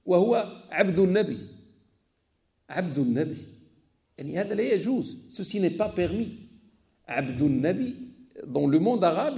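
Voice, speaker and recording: Gravelly-voiced man teaching in a mosque. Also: high-pitched, darkish tone. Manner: careful, explanatory, repeats each point twice. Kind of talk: religious lecture.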